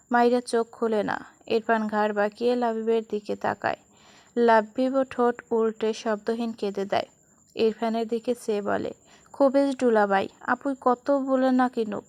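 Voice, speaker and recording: A woman storyteller narrating a scripted romantic story in a steady, even reading voice. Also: fairly high pitch, creaky, no room sound.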